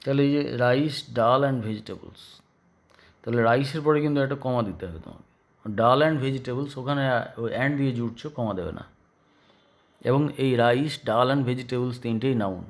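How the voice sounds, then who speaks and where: A male schoolteacher with a Bengali accent explaining grammar to a class, halting and repeating words for his pupils. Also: mid-range voice. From West Bengal, India. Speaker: school English teacher.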